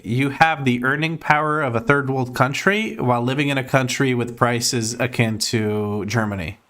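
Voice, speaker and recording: A man's voice: mid-range voice, fairly bright tone. A man from Croatia with an American accent, chatting casually on a live gaming stream, reading chat aloud, laughing often and swearing offhandedly.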